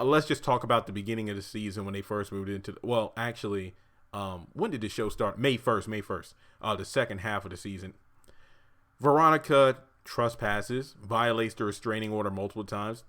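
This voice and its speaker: A man's voice: mid-range voice, fairly bright tone. Chatty man reviewing a TV episode. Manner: chatty, laughs often, acts out characters' lines. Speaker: show reviewer. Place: his apartment.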